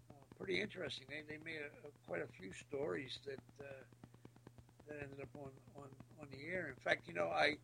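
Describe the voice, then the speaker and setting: Gritty, gravelly-voiced middle-aged man, reminiscing haltingly. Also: medium pitch, fairly bright tone, a little hiss or hum, poor audio. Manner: halting, hesitant, searching for words. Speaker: podcast guest, former military band musician. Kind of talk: casual reminiscing interview.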